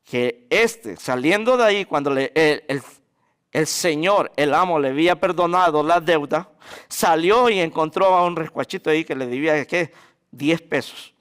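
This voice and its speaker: A man preaching a sermon, asking the congregation questions and answering them himself, rising sharply in pitch when he quotes scripture. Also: smooth. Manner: animated, jumps in pitch when quoting scripture. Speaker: pastor.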